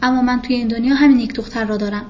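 A woman's voice: fairly high pitch, steady tone, darkish tone, natural voice. A woman voicing a polite, hesitant mother guarding her only daughter, in a muffled recording with faint hiss.

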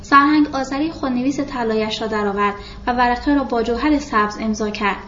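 Woman narrator for a novel reading; measured, steady delivery, somewhat high voice, echoey room. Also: slight background noise. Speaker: audiobook narrator. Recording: roomy, dull lo-fi recording.

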